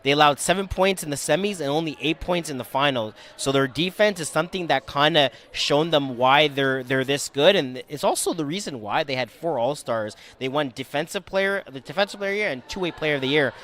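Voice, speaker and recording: A man's voice: on the high side, a little fast, hardly any pauses, a bit bright. A man giving conversational post-game analysis as a sports commentator in the booth.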